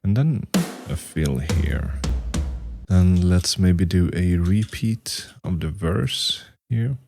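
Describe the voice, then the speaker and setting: A man's voice: animated, slow pace, music in the background. A man composing a metal song on his computer, talking through each step and humming out rhythms. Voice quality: very deep, gravelly voice. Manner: thinking aloud, humming and scatting rhythms. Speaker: musician and YouTuber. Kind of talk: casual talk-through while composing.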